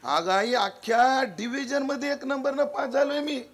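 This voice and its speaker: A man's voice: very high voice, moderate pace, pitched above the performer's own voice. A man voicing an eager teenage village boy who pleads insistently with his parents, inside a live devotional sermon. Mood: pleading. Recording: live kirtan with loud music.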